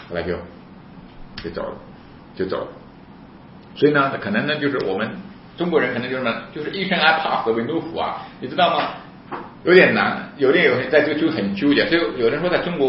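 Fast-talking man in a roomy recording. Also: gravelly, slight background noise. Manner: animated, voice jumps high and loud when retelling anger; fast talk with many restarts and repeated words. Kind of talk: casual spoken storytelling. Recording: roomy, slightly dull recording.

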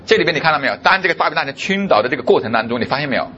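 Male pastor, sermon delivery, fairly high voice, asks the congregation rhetorical questions, slightly dull lo-fi recording. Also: expressive, very fast, sharp tone, slight background noise.

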